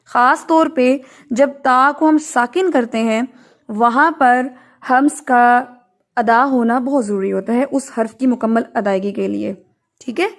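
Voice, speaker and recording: A woman's voice: on the high side, fairly even intonation. A woman teaching Quran recitation online, patiently correcting students and chanting verses to show how they should sound.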